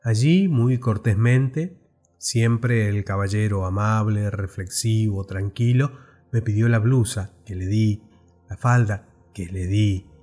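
A man narrating a story aloud in a measured, expressive reading. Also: on the low side, faint music behind.

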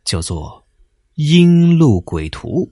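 A man narrating a ghost story in lively storytelling style with dramatic pauses. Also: fairly high pitch, no echo, clean studio sound.

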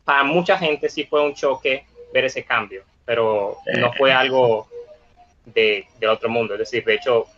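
A man's voice: mid-range voice, measured pace. Man, podcast interviewer, rambling questions, muffled lo-fi call sound. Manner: asks long, rambling questions. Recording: dull, muffled call audio.

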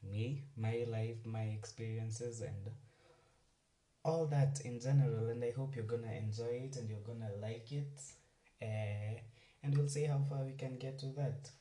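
A man, hosting a casual solo podcast, chatty and rambling as he talks warmly to his listeners. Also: medium pitch, fairly even intonation, a little slow. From Kenya. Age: 20s. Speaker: podcast host. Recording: roomy, distant mic, faint music.

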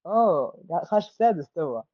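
A man with a Libyan Arabic accent, hosting a casual interview and gently drawing answers out of young guests. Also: high voice, very animated, brisk, no echo, dull audio.

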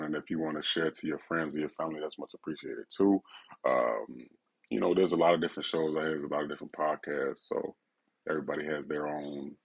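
A man hosting a casual, intimate solo podcast, speaking in a laid-back, personal way right in the listener's ear, with a gravelly, husky voice. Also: extremely low pitch. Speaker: podcast host.

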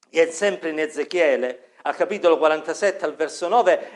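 Fervent high-voiced male preacher. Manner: fervent preaching, rising for emphasis, dropping to quiet prayer; self-correcting mid-sentence. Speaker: pastor. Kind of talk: evening sermon.

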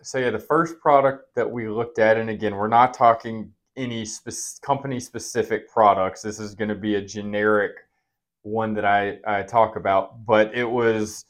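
A man's voice: on the low side, fairly even intonation, normal speed. A man hosting a finance podcast, explaining things in a conversational way as a financial advisor.

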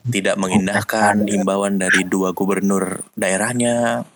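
A young man with a Jakarta Indonesian accent hosting a casual podcast in hushed late-night talk. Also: on the low side, little pitch movement, a little slow, no room sound. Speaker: podcast host.

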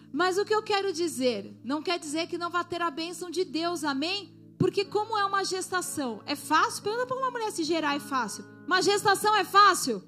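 A woman's voice: very high voice, expressive, normal speed, bright, forceful tone, faint music behind. A woman pastor preaching a sermon to a congregation, exhorting them and asking for their response.

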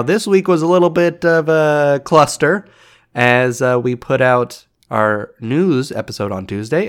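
Sick guy with a nasal stuffy voice cohosting a podcast, jokey and upbeat. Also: mid-range voice. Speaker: podcast co-host. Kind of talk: casual podcast chat.

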